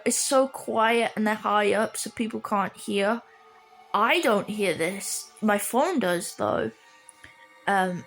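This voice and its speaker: A young woman casually telling a rambling, animated story, acting out other people's voices. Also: mid-range voice.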